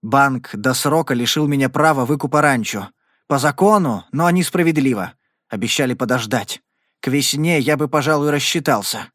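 A big, hungry cowboy gunman, grim and sullen, who speaks in short, threatening phrases, as a male narrator plays him. His voice sits at an ordinary pitch. The sound is close and dry. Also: normal speed, a bit bright, dry recording, lightly acted. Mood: bitter.

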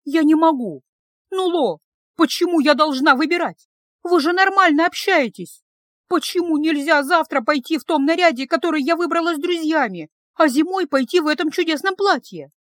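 A woman voicing an emotional young healer girl, pleading with a high, tearful voice. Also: normal speed, no room sound, studio quality, lightly acted.

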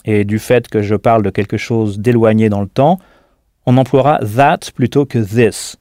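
A man's voice: fairly low pitch, moderate pace, warm tone, no room sound, clean studio sound. A man teaching a recorded audio language lesson, patiently spelling out words letter by letter and prompting the listener to answer.

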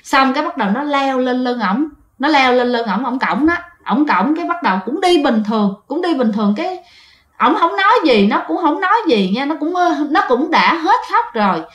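Woman, high-pitched, chatty ghost-story narration, roomy echo. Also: animated, a little fast, a bit bright. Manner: chatty, addresses listeners directly.

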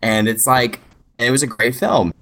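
A man co-hosting a podcast, chatting casually with quick joking asides. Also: medium pitch, steady tone, pushed and bright. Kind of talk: casual chat.

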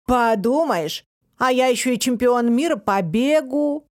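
A woman's voice: fairly high pitch, wildly swooping pitch, slow pace, no echo, clean studio sound, full character voice. A woman voicing a proud, boastful walking little house in a children's story, talking in a self-satisfied way.

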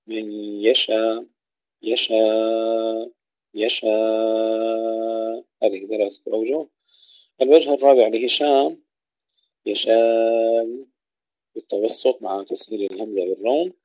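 A man teaching tajweed, explaining rules and then reciting words slowly with long drawn-out vowels. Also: mid-range voice, vocal fry, warm tone, breathy edge, dry recording, dull audio. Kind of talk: tajweed lesson with recitation examples.

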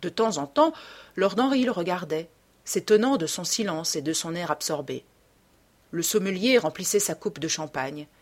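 A woman reading a classic novel aloud as audiobook narrator, with expressive literary phrasing. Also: on the low side, normal speed. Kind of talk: scripted narration.

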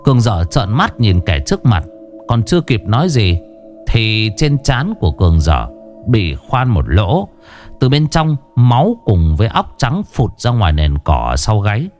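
A man's voice: on the low side, unhurried, soft background music. A man narrating a crime story in a dramatic, scripted way. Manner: expressive, dramatic.

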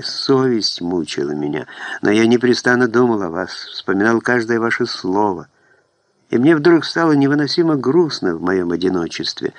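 A man reading an audiobook voices a remorseful young nobleman who confesses his love in an earnest, halting way. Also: fairly low pitch, dry recording.

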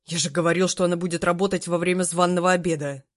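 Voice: medium pitch, a little fast, natural voice. A narrator voicing a stern young emperor who gives orders in a curt, commanding way in an audiobook. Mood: irritated. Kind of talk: audiobook character voice.

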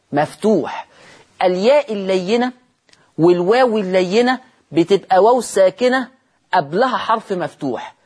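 A man with an Egyptian accent teaching a recitation lesson on television, asking questions and answering them himself and drawing out the example words slowly. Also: sits high, slightly rough. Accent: Egyptian Arabic.

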